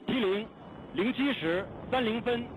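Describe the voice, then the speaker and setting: A man's voice: very high voice, unhurried, phone-quality sound, noisy background. A man working as a launch control dispatcher, giving clipped, formal mission control radio callouts. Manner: clipped formal procedural announcements.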